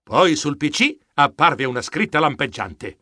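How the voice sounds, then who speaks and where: A man narrating a children's adventure audiobook in the first person, with theatrical, expressive delivery. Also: a little high, measured pace, background noise.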